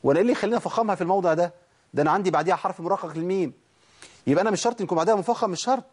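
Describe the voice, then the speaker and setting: An Egyptian man with an Egyptian Arabic accent teaches a tajweed lesson on Quran recitation, drilling letter sounds aloud. He poses his own questions and answers them, speaking very fast in a high-pitched voice with a breathy edge.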